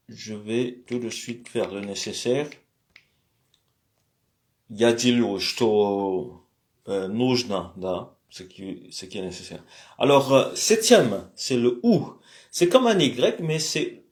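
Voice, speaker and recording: A man teaching an alphabet lesson in a casual, hesitant way, with many fillers, and repeating words slowly to show how they sound. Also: mid-range voice. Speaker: language teacher.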